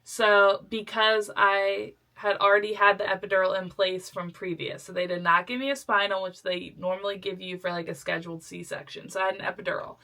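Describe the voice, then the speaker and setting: Woman, young adult, bright tone, casual podcast chat, animated storyteller, acts out quoted voices. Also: medium pitch, brisk, hardly any pauses. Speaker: podcast co-host.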